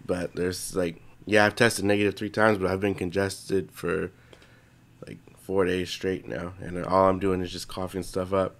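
A man's voice: low voice, level tone, moderate pace, a bit bright. A young man, congested, co-hosting a podcast in casual, rambling chat full of swearing and restarts. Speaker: podcast co-host.

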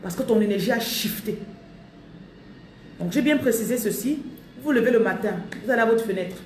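With a fairly quick, darkish voice on the high side, a woman declares affirmations over her audience during a live spiritual coaching talk, stressing and repeating her phrases and slipping into English. Slight background noise, a roomy echo and a distant mic mark the recording.

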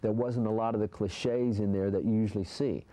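A man's voice: on the low side, fairly even intonation, brisk, warm tone. A young man in a casual interview indoors, talking animatedly and rambling with many fillers. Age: young adult. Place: indoor room.

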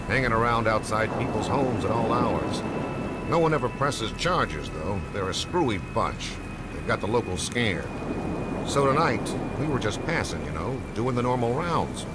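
A deferential American police officer of the 1910s in a game. He explains in a low, folksy voice. Loud rain, thunder and engine noise are behind him. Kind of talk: game dialogue.

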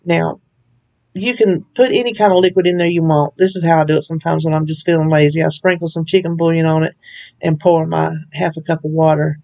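A woman's voice: sits low, steady tone, a little fast, vocal fry, dark tone, highs cut off. A woman hosting a home cooking video, talking through a recipe in a chatty, folksy way with frequent laughs. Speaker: cooking channel host. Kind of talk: casual recipe walkthrough.

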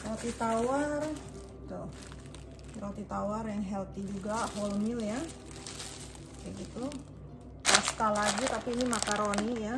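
A woman in her thirties chatting casually in her home kitchen as she unpacks groceries, often searching for words and mixing in English terms, recorded on a phone camera. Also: a little high. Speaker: vlogger. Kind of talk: casual grocery unboxing vlog. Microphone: phone camera at arm's length. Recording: loud music under the voice. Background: loud background music and crinkling bags.

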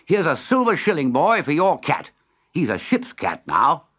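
A man's voice: fairly high pitch, huge pitch swings, normal speed, fairly bright tone, voice pushed up, full character voice. A man voicing a hearty sea captain who speaks bluffly, in a storybook reading.

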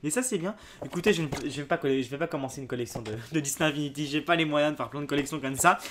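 A young man chatting casually as he unboxes a subscription box, excitable and quick to exclaim and laugh. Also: on the high side, slight background noise.

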